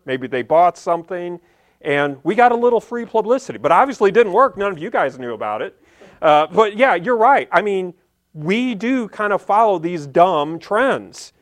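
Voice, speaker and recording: A man preaching a conversational Sunday sermon as pastor, plainspoken and repeating key phrases for emphasis. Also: high-pitched. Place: church service.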